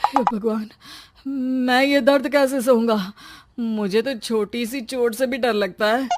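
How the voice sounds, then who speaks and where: A woman's voice: on the high side, steady tone, a little slow, heavy background noise, lightly acted. A woman voicing a young husband who is pregnant, whiny, fearful and always complaining. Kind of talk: storybook voice acting.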